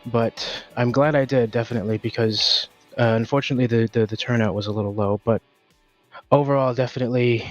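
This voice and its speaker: Brief: breathless driver, mid-pitched man, hesitant post-race interview over music. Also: fairly even intonation, quick pace, few pauses, dull audio. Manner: hesitant, filler-heavy, candid. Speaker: racing driver.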